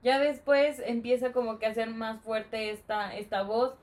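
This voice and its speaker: A woman with a Mexican Spanish accent retelling a film scene in lively casual chat, full of colloquial fillers. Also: on the high side, unhurried. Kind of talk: casual movie discussion.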